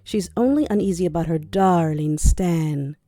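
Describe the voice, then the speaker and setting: A woman's voice: fairly low pitch, normal speed, warm tone, no echo, close to an everyday voice. A woman reading the part of a wry, teasing young male soldier.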